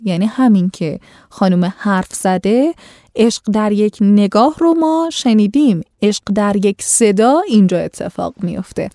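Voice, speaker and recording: A woman's voice: medium pitch, dark tone, no room sound, studio quality. A woman reading a classic tale aloud in formal prose and stopping to explain it in chatty everyday speech. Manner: switches between formal reading and chatty commentary. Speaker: storyteller.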